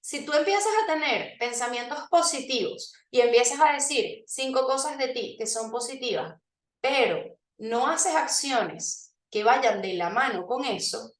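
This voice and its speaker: A woman's voice: high voice, a little slow. A woman presenting a motivational workshop, speaking straight to her audience and leading them through exercises with frequent check-ins. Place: room with a live audience. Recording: echoey room, voice from a distance.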